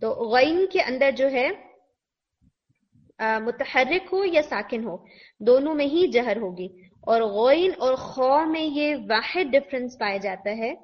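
A woman teacher, giving a recorded pronunciation lesson, patiently demonstrating sounds and repeating examples slowly. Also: sits high, expressive. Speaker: tajweed teacher. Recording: dull lo-fi recording.

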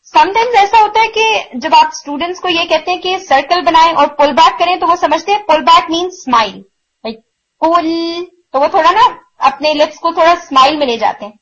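High-voiced woman teaching recitation sounds. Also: fairly bright tone, muffled recording. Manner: explains patiently, demonstrates sounds slowly and repeats them; mixes English words into her talk. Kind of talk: online tajweed lesson.

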